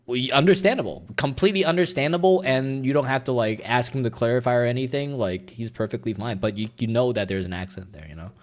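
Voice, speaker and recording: A young man whose first language is Mandarin chats loosely on a casual reaction stream, rambling, swearing and leaning heavily on filler words. His voice is medium-pitched, and he talks fast with hardly any pauses.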